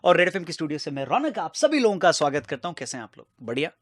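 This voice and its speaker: A male radio host talks very quickly in a slightly high voice. He casually introduces a show to his audience, recorded close and dry in a studio. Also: big pitch swings, a bit bright, no echo.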